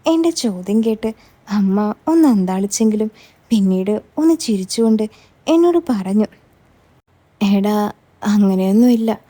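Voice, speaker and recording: Woman storyteller, scripted narration, measured pace, mellow warm tone. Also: mid-range voice, animated.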